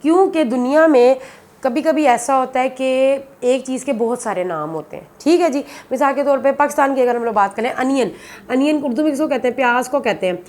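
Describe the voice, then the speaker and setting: High-voiced woman teaching biology. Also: a little fast, a little mellow. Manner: repetitive, explanatory, calls students "beta". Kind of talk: classroom lecture.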